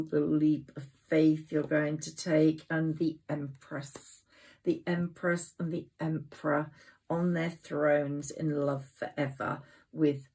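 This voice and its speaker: Female tarot reader, slow even delivery, gushing and sentimental. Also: sits low, vocal fry, low-quality recording. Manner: effusive, rambling, sentimental. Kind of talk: tarot card reading to camera.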